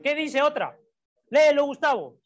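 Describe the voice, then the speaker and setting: A woman who is both a preacher and a psychologist gives a sermon with Bible reading, repeating her key points and putting questions to the congregation. Her voice sits high and sounds expressive at a moderate pace, captured in a dull lo-fi recording.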